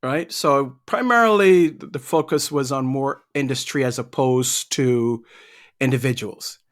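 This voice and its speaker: A man's voice: medium pitch, a little slow. Easygoing man from Barbados. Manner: easygoing, repeats words while thinking. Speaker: guest, leadership trainer. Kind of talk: casual interview answers.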